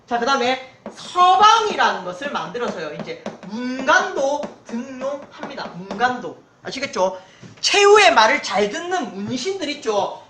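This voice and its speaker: A woman teaching a history lesson online, lively and emphatic, repeating key terms and checking that students follow. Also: sits high. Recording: echoey room with faint noise.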